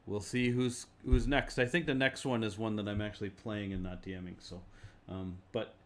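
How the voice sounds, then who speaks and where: A man hosting a tabletop game stream as game master, talking in a relaxed, hesitant way with many ums as he wraps up the session. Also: fairly low pitch, normal speed.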